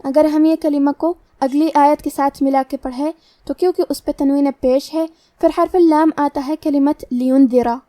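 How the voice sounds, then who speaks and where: A woman with a high, mellow voice teaches Quran recitation, explaining each letter step by step. She recites verses slowly, drawing out each word. The recording is close and dry. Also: fairly even intonation, no echo. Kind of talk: tajweed lesson with slow recitation.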